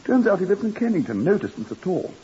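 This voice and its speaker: A husky, brusque hotel manager. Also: male voice, high-pitched, big pitch swings, fast, dark tone, heavily acted. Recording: dull 1950s radio broadcast.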